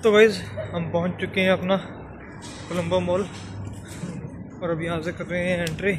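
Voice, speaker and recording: Young man, casual daily vlogger, higher pitch, steady and flat, light background hiss. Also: normal speed. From Haryana, India. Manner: chatty running commentary to camera. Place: kitchen, then outdoors on streets. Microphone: phone at arm's length.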